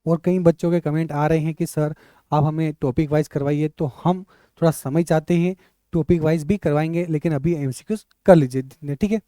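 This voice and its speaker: A male teacher leading an online exam-prep class, drilling letters aloud and repeating questions to his students with lively energy. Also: a little high, moderate pace, clear, resonant tone, no echo, studio quality.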